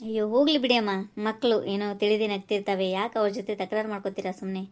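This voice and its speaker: A woman's voice: medium pitch, fairly even intonation, racing, heavy background noise, voice pushed down, close to an everyday voice. A woman voicing a polite female show host in a cartoon, soothing and placating in manner. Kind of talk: cartoon voice acting.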